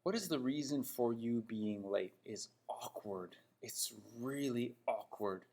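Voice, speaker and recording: Slow and a little mellow, this medium-pitched male voice belongs to a Toronto English teacher with a Canadian accent. He critiques example sentences in an emphatic, didactic way and checks in with questions often.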